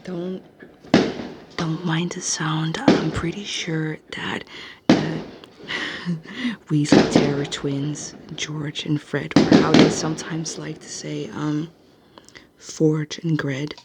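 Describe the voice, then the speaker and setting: A woman in an ASMR role-play as a gossipy, bookish young witch student, speaking in a hushed, halting, conspiratorial way as if sharing a secret. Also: sits low, little pitch movement, heavy background noise.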